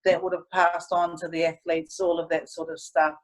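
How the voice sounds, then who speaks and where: Earnest Antipodean woman, even-toned. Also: on the low side, moderate pace. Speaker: interviewee, sports team staff member. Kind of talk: casual storytelling interview.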